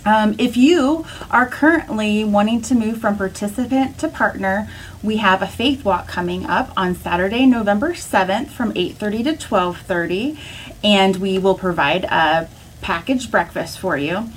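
A woman delivers a church welcome and announcements in a mid-pitched voice. Faint background noise and ambience sit behind her speech. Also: moderate pace, poor audio. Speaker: church discipleship director.

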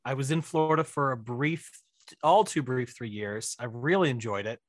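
Here the same sort of casual podcast chat features a Missouri-born film director in his thirties, whose digressive talk keeps interrupting itself. He speaks at a moderate pace in a mid-range voice, and there's no room sound.

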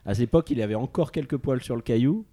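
A man's voice: mid-range voice, fast talker, mellow, breathy edge. Man giving film facts. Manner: informative, lists film facts. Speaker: film columnist. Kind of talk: casual radio chat.

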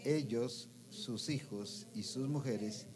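A man preaching a sermon who reads scripture slowly and keeps asking the audience questions. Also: mid-range voice, darkish tone. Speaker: preacher at a women's discipleship meeting. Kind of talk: sermon with Bible reading.

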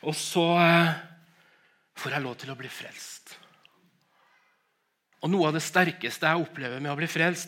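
Middle-aged male preacher, bright forceful tone, emotional testimony, halting restarts. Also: on the high side. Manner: emotional storytelling, stammering restarts, frequent laughs. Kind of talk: sermon with personal testimony.

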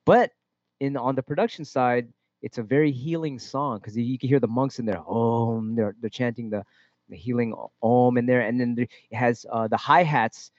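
Man, music producer, casual interview, halting, swears a lot, lo-fi dry recording. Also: mid-range voice, dry recording. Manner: rambling, halting, swears freely.

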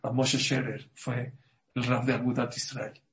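Man, rabbi, storytelling sermon, dramatic, loud and soft swings. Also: medium pitch, little pitch movement, unhurried. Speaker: rabbi giving a talk.

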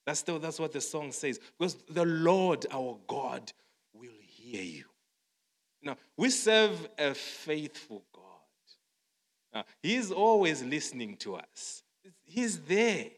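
A man from Zimbabwe, his voice a little high with big swings in pitch, preaches slowly and shares testimony. His speech is repetitive, full of quoted songs and stammering restarts, and a long reverb fills the hall.

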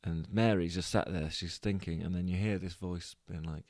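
Slow, gravelly deep-voiced British man. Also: steady tone, darkish tone, no echo, studio quality. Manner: rambling, hesitant, many fillers and restarts. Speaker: podcast host. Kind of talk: casual podcast storytelling.

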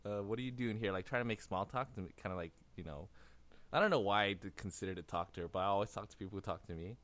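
Young male podcast host, low-pitched, rambling storyteller who laughs often. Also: fast, fairly bright tone. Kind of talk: casual podcast chat.

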